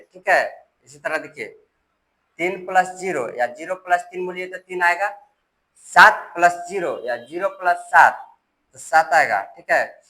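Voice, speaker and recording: Male math tutor, bright slightly high voice, patient and repetitive, spells out numbers digit by digit. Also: low-quality recording. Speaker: math teacher. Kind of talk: step-by-step classroom explanation.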